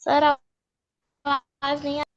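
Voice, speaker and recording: A woman's voice: sits high, completely flat delivery, very slow, no echo, dull audio. A woman student giving brief, polite replies to her teacher, heard over a choppy online call. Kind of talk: online class chat.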